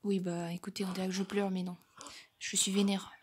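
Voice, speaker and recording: A woman playing an online animal role-play game, chatting casually and teasing other players, with occasional quiet asides. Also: medium pitch, level tone, brisk, slight background noise. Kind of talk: casual gameplay commentary.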